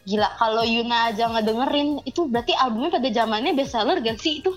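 A woman's voice: fairly high pitch, fast talker, soft background music. A young woman with a Jakarta accent co-hosts in casual banter, full of Jakarta slang and exclamations. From Indonesia. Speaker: co-host. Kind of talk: casual radio-style banter.

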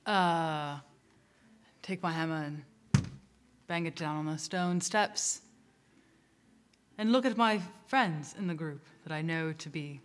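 Low-voiced woman player. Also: takes it slowly, long pauses, a little hiss or hum. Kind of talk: describing her character's actions.

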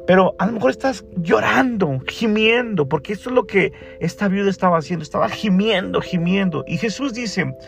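A man's voice: high voice, lively intonation, moderate pace, creaky, hardly any pauses, a bit bright. A man in his forties with a Mexican Spanish accent, preaching an emphatic radio sermon that repeats phrases and puts direct questions to the listeners. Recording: faint music behind the voice.

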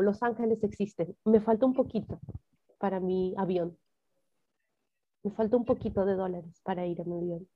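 A woman's voice: medium pitch, dry recording, highs cut off. A woman from Peru, a podcast guest telling her personal story earnestly and acting out her past thoughts in quotes.

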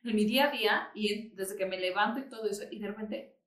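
A woman with a Mexican accent chatting as a podcast co-host, telling anecdotes in a lively, chatty way. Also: medium pitch, fast, distant mic. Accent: Mexican Spanish. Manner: chatty, laughs often, tells anecdotes. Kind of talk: casual chat. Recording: roomy echo, a bit off-mic.

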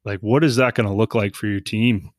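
A man's voice: fairly low pitch, steady tone, a little fast, no echo, studio quality. A man hosting a podcast, asking loose, casual questions. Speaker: podcast host. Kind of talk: interviewing.

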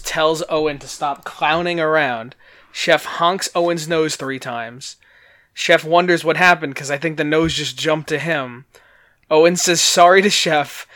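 A man's voice: fairly high pitch, bright, forceful tone. A man co-hosting a casual podcast, reading episode summaries aloud with amused, joking asides. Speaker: podcast co-host.

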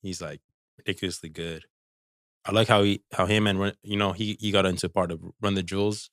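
Deep-voiced rambling male co-host. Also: steady tone, a little fast, fairly bright tone, dry recording, clean studio sound. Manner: rambling, lots of "like" and "bro". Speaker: podcast co-host. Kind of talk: casual hip hop album review chat.

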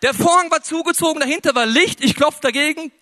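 Male pastor, high voice, animated storyteller in a sermon. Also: fast talker. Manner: lively storytelling, acts out dialogue in raised voices. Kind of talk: sermon with personal anecdote.

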